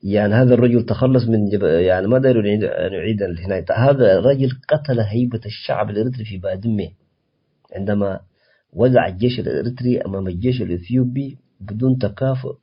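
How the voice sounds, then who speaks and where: A man with a low, husky voice argues his case as a guest on a radio program, building heat as he goes. He breaks off and restarts phrases often, filling gaps with hesitations. The audio is dull and lo-fi, like a muffled broadcast. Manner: impassioned, halting with many restarts and fillers. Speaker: political activist guest. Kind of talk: radio interview answer.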